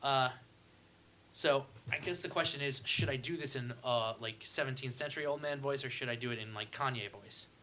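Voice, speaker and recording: A man's voice: mid-range voice, brisk. A man co-hosting a comedy podcast, chatting casually and animatedly, often laughing. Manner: animated, laughing, reads tweets aloud in joke voices. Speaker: podcast co-host.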